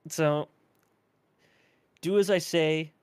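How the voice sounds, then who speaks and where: A man's voice: a little high, fairly even intonation, drawn-out words, a little mellow, smooth, no echo. A man voicing a world-weary, hard-drinking man who gives rambling, fatherly advice to a kid.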